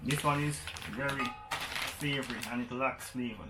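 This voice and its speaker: A man with a Jamaican accent chatting casually as a food vlogger, unhurried and pausing between short phrases. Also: mid-range voice, fairly even intonation, over loud music. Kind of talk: casual food review chat. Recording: echoey room with crinkling handling noise.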